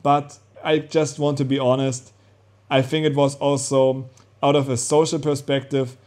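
A young man from Germany talking casually to camera as a vlog host, telling his story in an animated, rambling way with self-corrections. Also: medium pitch, unhurried. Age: young adult. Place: small rooms at home, indoors.

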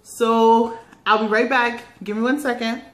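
A woman's voice: fairly high pitch, fairly even intonation, measured pace. A young woman chatting casually in a gushing, slangy, self-deprecating way, recorded on a phone in a living room. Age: young adult. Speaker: vlogger. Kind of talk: casual chatty unboxing vlog. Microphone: phone on a selfie stick, sometimes set back at a distance. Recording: roomy living room, background noise.

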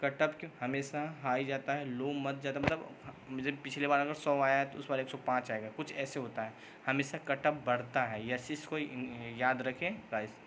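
A man's voice: medium pitch, steady tone, fairly bright tone, a little hiss or hum, rough recording. A man hosting a job-update channel, answering viewer comments in a casual vlog, rambling with many filler sounds and restarts and mixing English words in. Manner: admits he sometimes talks too fast.

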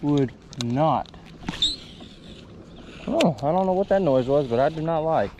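Out on a wooded creek in a small kayak, a young man who vlogs about fishing chats to his chest-mounted action camera, addressing the fish and using mild exclamations. His voice sits on the high side, animated but unhurried, and the recording is muffled with background noise.

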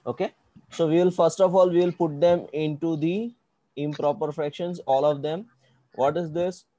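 A man's voice: a little high, fairly even intonation, moderate pace, warm tone, no echo, lo-fi sound. A man with an Indian accent teaching an online maths lesson step by step, often checking understanding with short questions. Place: indoors, online video class.

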